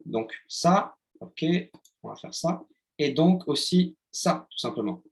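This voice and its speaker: A man's voice: fairly high pitch, lively intonation, slow pace, vocal fry. A man teaching a live online trading lesson in a chatty way, often checking in with his listeners and using playful sound words. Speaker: trading instructor.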